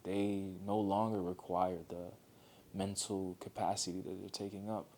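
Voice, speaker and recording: A man with a fairly low voice delivers a heartfelt motivational monologue. He speaks earnestly and gently, circling back to repeat key phrases. A faint low rumble runs behind the recording. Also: flat delivery, moderate pace.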